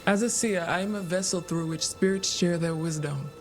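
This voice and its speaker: In this fantasy video game clip, a grave seer with a voice high for a male delivers cryptic pronouncements. His phrasing is solemn and measured, and music plays clearly underneath.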